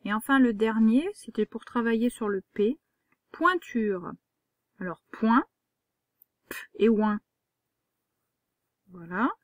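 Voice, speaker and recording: A woman's voice: fairly high pitch, a little slow, long pauses, dry recording, clean studio sound. A woman, a primary school teacher giving a patient, step-by-step handwriting lesson to a young child.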